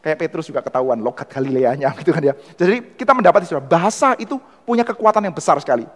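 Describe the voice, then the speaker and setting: Fast-talking man lecturing in a hall. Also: a little high. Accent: Surabaya Indonesian. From Indonesia. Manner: animated, often addresses listeners as "Saudara". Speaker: theology lecturer. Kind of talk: church history lecture.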